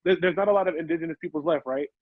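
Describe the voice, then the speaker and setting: A man's voice: fairly high pitch, no room sound. A man co-hosting a comedy podcast, telling brash, profane stories in casual banter. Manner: brash, rapid, profane storytelling. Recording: dull lo-fi sound.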